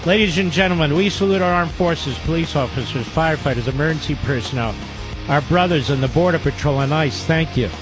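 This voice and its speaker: A man's voice: fairly high pitch, fairly quick, over music. An older man hosting a call-in talk radio show, speaking emphatically and taking callers. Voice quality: emphatic, forceful delivery.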